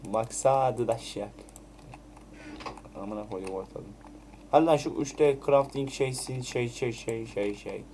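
A man's voice: lowish voice, warm tone, slight background noise. Chatty man muttering through a game. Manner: chatty, swears, mutters and repeats item names. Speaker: Minecraft let's play creator. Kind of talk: casual gameplay commentary.

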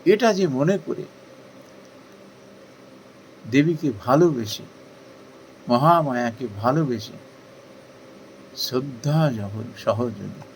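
A man delivers a devotional talk at a middling pitch. He speaks earnestly and persuasively, posing questions and answering them, lifting his voice for emphasis before dropping back down. A faint hiss of noise sits under the recording. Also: takes it slowly, long pauses, low-quality recording. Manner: earnest, rhetorical questions, rising emphasis then softening. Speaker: spiritual speaker. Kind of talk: devotional discourse.

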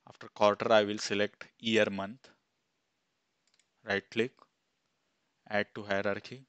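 A man in his thirties, an instructor, talking step by step through a screen-recorded software tutorial on a headset mic, with fillers as he goes. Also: lowish voice, flat delivery, measured pace, clear, resonant tone, no echo. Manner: plain step-by-step, thinking aloud with fillers. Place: small room indoors.

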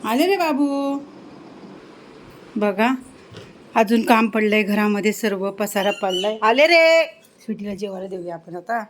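A woman's voice: medium pitch, unhurried, pauses often, a little hiss or hum, rough recording. A middle-aged woman, chatting casually through a home vlog in her kitchen and cooing in baby talk to her pets. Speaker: home vlogger.

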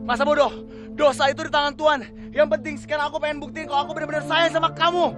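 A man's voice: very high-pitched, level tone, rapid-fire. An actor playing a young husband who pleads with his wife and insists he loves her. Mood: defiant. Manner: pleading and insistent, breaks into shouts. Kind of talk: TV film acting. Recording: film soundtrack with loud music behind.

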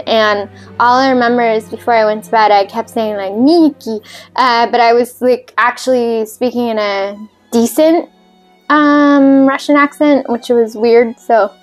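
Mixing drinks for her cocktail video, the host speaks in an unhurried, fairly even voice that sits on the high side. She's chatty and rambling, teases herself, and leans on fillers, with soft music behind her.

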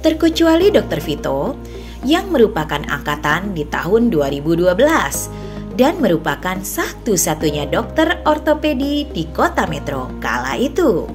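A woman narrates a news report as a scripted voice-over. Her voice sits a little low and moves with lively intonation. Music plays clearly underneath. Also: normal speed.

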